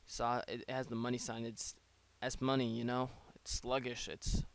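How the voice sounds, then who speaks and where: Rambling man, smooth close-mic voice. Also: mid-range voice, flat delivery, normal speed. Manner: rambling, self-interrupting, joking asides. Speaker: league player. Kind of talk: casual play-by-play of his own online battle. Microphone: close desk microphone.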